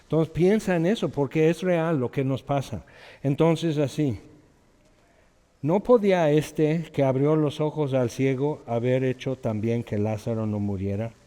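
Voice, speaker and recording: Pastor in an echoing hall. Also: male voice, medium pitch, measured pace, dark tone. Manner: conversational, reads scripture aloud and acts out quotes. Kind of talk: sermon. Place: church hall. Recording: long echoing reverb of a hall.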